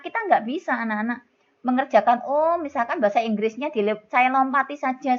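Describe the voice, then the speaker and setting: Chatty Javanese-accented woman teacher, lo-fi. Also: a little high. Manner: chatty, scolding-playful, calls students "kids". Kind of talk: exam-prep lesson. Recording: dull lo-fi recording.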